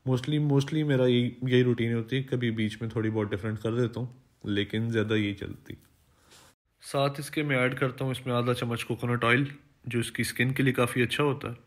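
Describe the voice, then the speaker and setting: A man's voice: medium pitch, fairly even intonation, fairly quick. A young man narrating his day in a casual, matter-of-fact vlog voice-over. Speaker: vlogger.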